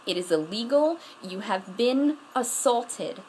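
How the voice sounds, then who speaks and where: Speaking slowly in a warm, expressive, slightly high voice, a woman gives frank, earnest self-defense tips to her camera at home, repeatedly restarting herself. She moves around in front of the camera, so the distance to its built-in mic keeps changing. The low-quality recording has slight background noise, and the style is casual instruction aimed at the camera.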